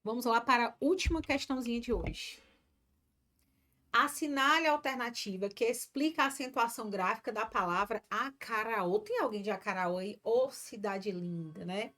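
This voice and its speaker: A woman's voice: a little high, moderate pace, a bit bright. A middle-aged woman from Ceará, teaching a live online grammar lesson and chatting encouragingly with her students. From Ceará, Brazil.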